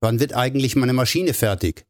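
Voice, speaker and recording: A man's voice: medium pitch, brisk, lightly acted. A man voicing a tipsy, stubborn male pilot who talks earnestly and a little sulkily. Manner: sulky, earnest.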